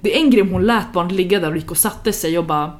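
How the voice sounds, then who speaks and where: A young woman from Sweden, podcast host chatting casually, telling an animated story and acting out what people said. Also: fairly low pitch. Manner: animated storyteller, acts out quotes, mixes in English.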